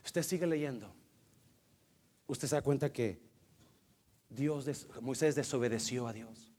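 A man preaching a sermon as a pastor, who swings between loud exhortation and hushed asides and mixes in English words. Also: medium pitch, a little slow. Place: church hall.

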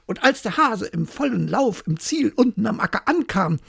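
A storyteller reading a bedtime fairy tale in a lively, expressive way, with a gravelly, very husky voice. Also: mid-range voice, moderate pace, no echo, clean studio sound.

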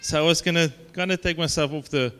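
A man from South Africa with a broad Afrikaans accent, giving an informal sermon as a guest preacher in a halting, conversational, self-deprecating way. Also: a little high, fairly even intonation, sharp tone, clean tone.

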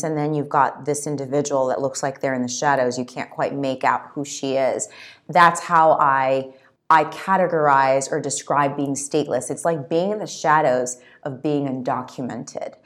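An author guest on an interview podcast, a woman born in Zambia, talks earnestly and reflectively about her own story in a low-pitched voice. She is thoughtful and conversational, often adding "you know" and "right?".

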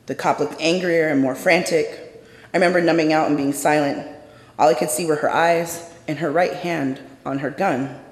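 A woman telling a personal story live on stage in a measured, solemn way. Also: deep voice, fairly even intonation. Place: stage in a theater. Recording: echoey hall from a stage.

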